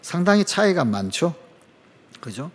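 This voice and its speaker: A man's voice: a little high, sing-song, unhurried, slightly rough. A middle-aged man, preaching a sermon as a pastor, telling stories, acting out quoted lines and asking the congregation questions. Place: church sanctuary. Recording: long church reverb.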